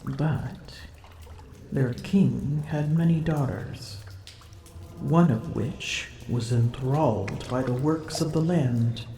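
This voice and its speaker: In an ASMR roleplay, a woman voices a proud, smug female dragon in human form, haughty and teasing, speaking slowly and deliberately. Her exaggerated voice is extremely low and mellow. The room echoes, with a little hiss or hum.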